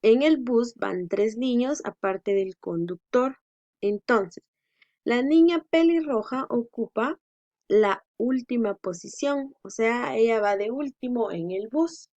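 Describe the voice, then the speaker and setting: A woman's voice: a little high, slow pace, darkish tone. Female teacher, patient, syllable-stressing delivery; dull lo-fi recording. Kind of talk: slow explanatory lesson for children. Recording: dull lo-fi sound.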